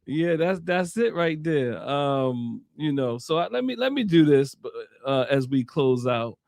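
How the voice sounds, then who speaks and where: Playful, halting male talk-show host. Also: fairly high pitch, animated, vocal fry, a little mellow, dry recording, clean studio sound. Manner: halting, repeats words, playful. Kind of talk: casual chat show hosting.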